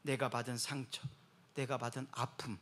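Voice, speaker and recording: Bright-voiced Korean pastor preaching. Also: male voice, mid-range voice, flat delivery. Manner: emphatic preaching, swinging between loud exhortation and soft slow comfort. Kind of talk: sermon.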